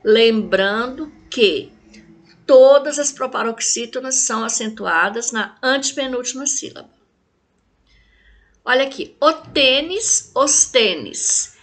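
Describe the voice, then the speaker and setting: A woman from Brazil giving a recorded lesson to children, patient, stopping often to check in with her pupils and drawing out words slowly as she models them. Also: a little high, expressive. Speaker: teacher.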